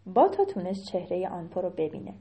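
A woman telling a story to children in an animated way, often turning to ask them questions. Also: fairly low pitch.

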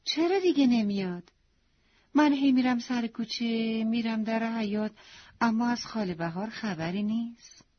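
A woman doing little girl Sahar, high and eager. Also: dull audio, natural voice. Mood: puzzled.

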